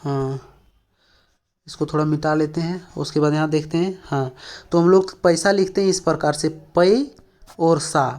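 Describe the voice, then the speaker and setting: A man's voice: on the high side, fairly even intonation, normal speed, darkish tone. A man from Jharkhand teaching an exam-prep language lesson, explaining step by step with lots of fillers and repeated questions to the class. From Jharkhand, India.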